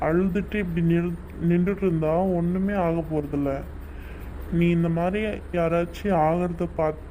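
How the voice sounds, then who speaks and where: A man playing a calm adult doctor in a home-made skit, reassuring and explaining things patiently, step by step. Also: on the high side, slight background noise, close to an everyday voice, low-quality recording.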